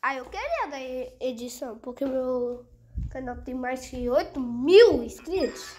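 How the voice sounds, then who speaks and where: A woman's voice: sits high, expressive, measured pace, warm tone. A young girl playing a game on her channel, talking to herself as she goes and easily startled. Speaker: gaming channel host. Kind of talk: casual gameplay commentary.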